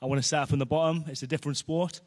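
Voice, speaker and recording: A Welsh-accented man answers interview questions earnestly, often restarting mid-sentence. His voice sits slightly higher than usual for a man. He speaks at an arena venue. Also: steady tone, very fast, a little mellow. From Wales. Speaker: boxer guest.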